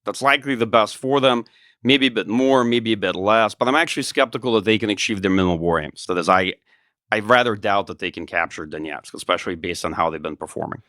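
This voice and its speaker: Male analyst, slightly low voice, measured and hedging, dry recording. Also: a bit bright, no echo. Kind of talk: analytical talk.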